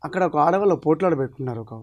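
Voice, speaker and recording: A man's voice: a little high, expressive, racing, a little mellow, muffled recording. A man, a mimicry artist answering interview questions humbly and calling the host sir. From Telangana, India. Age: 40s.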